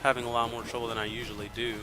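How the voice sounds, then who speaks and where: A man's voice: mid-range voice, flat delivery, racing. A man from Texas giving casual, rambling commentary while playing a video game. He swears freely and fills his talk with ums and uhs. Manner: rambling and profane, with many fillers. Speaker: let's play host. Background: game music.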